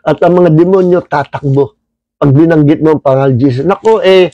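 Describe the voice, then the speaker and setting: An older man with a Filipino accent leads a livestreamed Bible study, telling stories and slipping English phrases into his preaching. His voice sits high and mellow. The sound is close and dry but somewhat dull and muffled. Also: brisk, no room sound. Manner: storytelling, mixing English phrases into Tagalog, exclaims loudly. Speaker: pastor.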